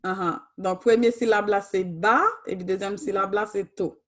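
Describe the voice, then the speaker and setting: A woman's voice: mid-range voice, steady tone, moderate pace. A woman teaching a Haitian Creole class, switching between Creole and French and questioning her students patiently.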